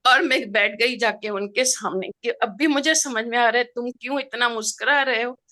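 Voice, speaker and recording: Middle-aged woman, higher voice, bright tone, heartfelt storytelling, expressive. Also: normal speed. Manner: expressive, heartfelt, mixes in English words. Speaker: participant sharing a personal experience. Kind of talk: emotional personal storytelling.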